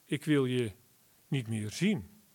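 Guy preaching a sermon real slow and careful, mid voice, leans hard on key words. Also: mid-range voice, darkish tone. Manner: slow, deliberate Bible exposition with emphatic rises.

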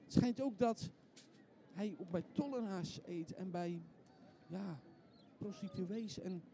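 A man's voice: high voice, mellow, slight background noise. A man preaching in a storytelling sermon, vivid and building in intensity, repeating words as he restarts.

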